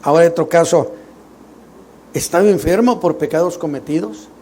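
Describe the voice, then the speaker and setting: A man's voice: fairly high pitch, moderate pace, dark tone, a little hiss or hum. A middle-aged man, preaching a Sunday sermon in a conversational, joking way full of rhetorical questions. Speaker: pastor.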